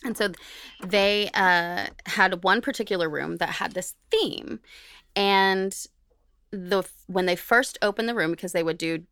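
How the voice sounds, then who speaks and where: Her medium-pitched voice moves a little slowly as she, a podcast co-host, retells a story casually and animatedly. She voices what others said along the way, and the studio-quality recording has no room sound.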